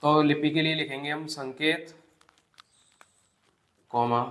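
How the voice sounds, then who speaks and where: A man teaching a Hindi grammar lesson for exam preparation, explaining step by step, repeating definitions, asking the class rhetorical questions and drawing out example words slowly. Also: a little high, steady tone, fairly bright tone. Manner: addresses students as "bhai". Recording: echoey classroom sound.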